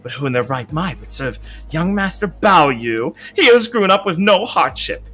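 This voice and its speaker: Guy as a sneering formal game servant, highish bright voice, lots of swing in the pitch. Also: sing-song, normal speed, faint music behind, exaggerated voice. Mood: scornful. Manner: formal, disdainful, declamatory. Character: contemptuous retainer sneering at a pampered young master. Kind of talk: reading video game dialogue in character.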